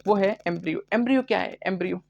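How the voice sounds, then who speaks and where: A man's voice: sits high, rapid-fire, vocal fry, a little mellow, highs cut off. A male biology teacher giving a live online lecture, asking questions and answering them himself, repeating each key term. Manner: chatty, addresses students as bhai.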